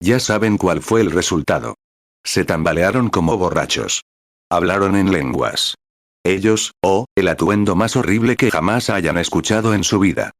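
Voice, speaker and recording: A man reading a translated sermon aloud in a steady, measured way, calling out verse and paragraph numbers as he retells scripture stories. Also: deep voice, no echo, studio quality. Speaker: sermon reader.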